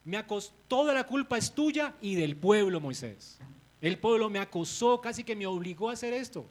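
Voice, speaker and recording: A man's voice: sits high, expressive, normal speed, pitched above the performer's own voice. A male preacher voicing a biblical man who whines and shifts the blame onto others. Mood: defensive. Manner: whiny, defensive excuses.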